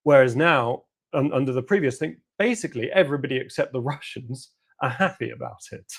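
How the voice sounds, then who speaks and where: Man, gravelly voice, guest analyst, sardonic, analytical, political interview. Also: mid-range voice, a little fast.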